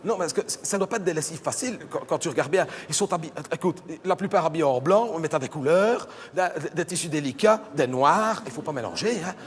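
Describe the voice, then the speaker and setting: A man's voice: a little high, animated, brisk, hardly any pauses, close to an everyday voice. A man playing a chatty, gossipy middle-aged mother, rambling through a comic monologue. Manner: chatty, rambling, punchline-driven. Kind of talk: stand-up character monologue. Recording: live hall with reverb and audience noise.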